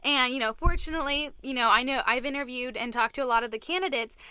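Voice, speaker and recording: A woman's voice: high-pitched, quick pace, pushed and bright, smooth, dry recording, low-quality recording. A teenage girl hosting a youth radio show, asking interview questions in an eager, casual way with many fillers. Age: teens.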